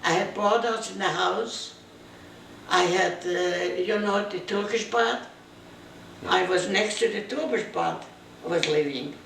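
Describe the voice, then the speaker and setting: Recorded on a distant camera mic in a roomy Montreal home with faint noise, a grandmother in her 90s, born in Eastern Europe in today's Belarus, looks back on her life in an interview. She speaks halting, repetitive, broken English and quotes her husband, with a medium-pitched, creaky, slightly bright voice.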